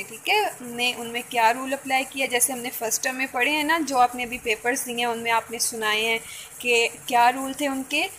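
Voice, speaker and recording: A woman Tajweed teacher, patiently teaching an online lesson and drawing out each letter slowly. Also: fairly high pitch, fairly bright tone, a little hiss or hum, low-quality recording. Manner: slow drawn-out recitation of letters; patient, repeats "theek hai" often.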